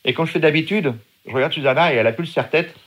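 Fast, vivid male storyteller. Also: a little high. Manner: vivid, emphatic, acts out shouted quotes. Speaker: guest telling his story. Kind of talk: dramatic personal storytelling.

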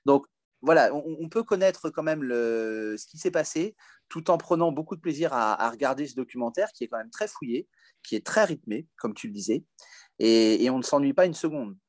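A man's voice: mid-range voice, lively intonation, normal speed, a little mellow, no room sound, clean studio sound. A man reviewing a documentary in a casual chat, hesitant with many fillers.

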